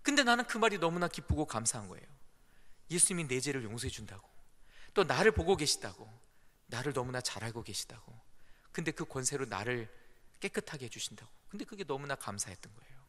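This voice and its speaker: A male pastor with a mid-range voice talks fast while preaching a Sunday sermon in the church sanctuary. He's animated, telling stories and acting out the quotes, and the recording carries the echo of the church hall.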